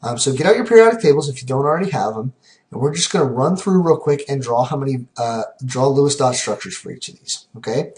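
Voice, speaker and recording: A man teaching a recorded chemistry lesson in a relaxed way, counting aloud slowly and often checking in with "okay?". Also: mid-range voice.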